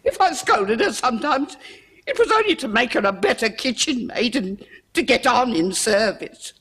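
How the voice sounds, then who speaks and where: An actress playing an older household cook in a period television drama. The cook is proud and touchy, speaks in working-class phrasing, and turns tearful and lonely. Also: female voice, a little high, lively intonation, moderate pace, fairly bright tone, slightly rough.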